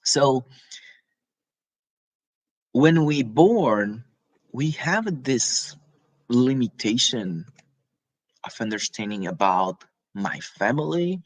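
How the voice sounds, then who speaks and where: A Brazilian man gives a spiritual talk informally and haltingly, restarting often, using tag questions, and coughing now and then. His mid-range voice is very animated, and the recording is rough.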